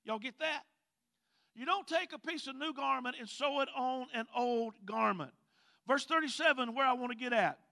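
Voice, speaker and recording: Delivering a sermon in a Mississippi Southern accent, the preacher stretches scripture with emphasis and invites the congregation to answer. He has an extremely high male voice with vocal fry and a sharp tone.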